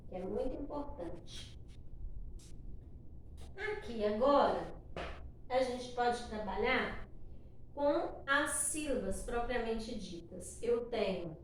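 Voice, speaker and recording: A woman's voice: fairly high pitch, lively intonation, slow, pauses often. A woman teacher with a Brazilian Portuguese accent patiently explaining a classroom activity, often ending phrases with tag questions. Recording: echoey room, distant mic, faint noise.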